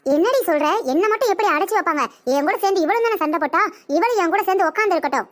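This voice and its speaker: A woman doing a shrill, brash cartoon auntie. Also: animated. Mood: defensive. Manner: scolding, brash and quick to trade insults. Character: bickering older aunt, sharp-tongued and boastful. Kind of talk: comedic cartoon voice acting.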